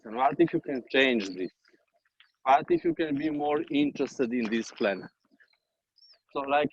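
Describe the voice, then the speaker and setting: Man teaching an online class, repetitive. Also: a little high. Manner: repetitive, plain-spoken, joking. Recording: dull lo-fi online call audio.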